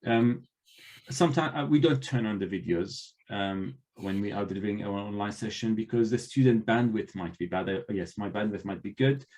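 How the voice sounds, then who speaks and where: This librarian trainer, a man whose first language isn't English, speaks with earnest intent on an online panel while frequently stopping and starting over. His voice runs on the low side and sounds a little mellow.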